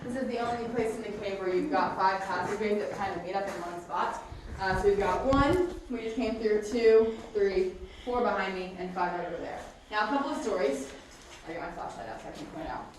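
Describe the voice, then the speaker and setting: A woman working as a cave guide, giving a casual, explanatory tour talk to a group inside a cave. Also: medium pitch. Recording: very echoey cave, distant mic, faint noise.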